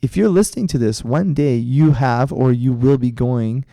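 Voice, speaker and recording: A middle-aged man chats on a podcast in a mellow, darker tone. He rambles through his story with plenty of restarts. The sound is dry and close. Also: medium pitch, moderate pace, gravelly, dry recording. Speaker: podcast co-host, karate instructor. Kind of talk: casual chat.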